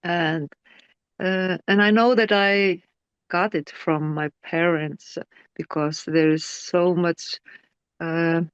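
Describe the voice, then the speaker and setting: A middle-aged woman tells her personal story, speaking very slowly and searching for words with fillers and restarts. The recording sounds dull and lo-fi but very dry, with no room around her. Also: on the low side, steady tone, clear, resonant tone, dry recording. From Iceland. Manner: halting, with many fillers and restarts; non-native English grammar. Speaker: interview guest. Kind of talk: personal testimony.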